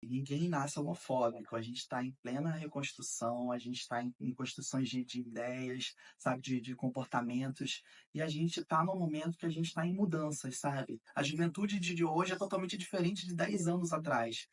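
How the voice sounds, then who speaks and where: A man's voice: mid-range voice, fairly even intonation, normal speed, hardly any pauses, far from the mic. A man speaking in a documentary interview, thoughtful and often restarting his phrases.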